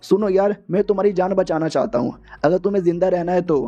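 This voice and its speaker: A man's voice: high voice, fast, dark tone, natural voice. A man voicing a confident, bossy young male martial arts hero in a casual, commanding tone. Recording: muffled lo-fi audio.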